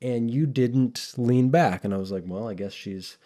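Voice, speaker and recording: A man's voice: medium pitch, normal speed, warm tone. A man co-hosting a podcast, talking casually and thoughtfully, rambling with frequent restarts. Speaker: podcast co-host.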